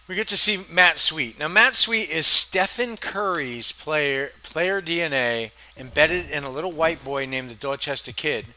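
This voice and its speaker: A man's voice: a little high, measured pace, hardly any pauses, pushed and bright. A man casually commenting on a basketball video game, laughing often and rattling off player stats. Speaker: gaming channel host.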